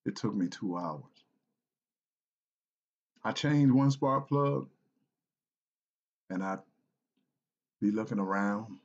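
A man from South Carolina telling a personal story in an earnest, halting way, with restarts and repeated phrases. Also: fairly low pitch, lo-fi sound. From South Carolina, United States.

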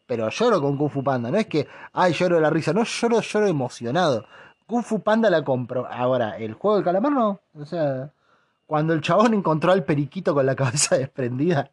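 A man's voice: a little high, a little mellow, no room sound, studio quality. A young man with an Argentine accent hosting a casual comic monologue, rambling and joking, putting on mock foreign accents. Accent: Argentine Rioplatense Spanish. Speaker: podcast host.

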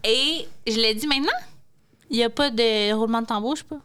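Quebec French woman guest, a teacher, playful and teasing in casual chat, slightly higher pitch. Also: fairly quick, a bit bright, clear, resonant tone. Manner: teasing, laughs often.

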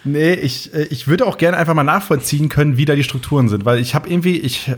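A man's voice: a little high, fast. A young man from East Frisia with a North German accent, telling rambling, slangy anecdotes as a podcast co-host. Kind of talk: casual anecdotal podcast chat.

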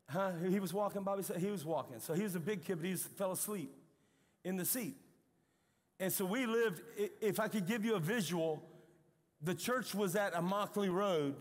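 An older man preaching a sermon as pastor, telling stories in an animated way with emphatic outbursts. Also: high-pitched. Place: church sanctuary. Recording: long reverb of a large hall.

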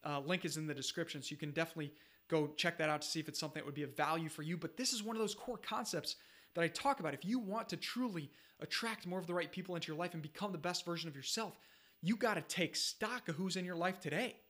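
A man's voice: a little high, fast, fairly bright tone. A man in his thirties giving an earnest motivational talk, urging listeners directly and repeating his points. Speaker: self-improvement speaker.

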